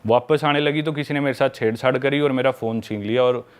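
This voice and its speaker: A man's voice: mid-range voice, brisk, smooth. A young man telling a travel story in casual chat, acting out the people he quotes. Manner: animated, acts out quoted people. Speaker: guest traveler.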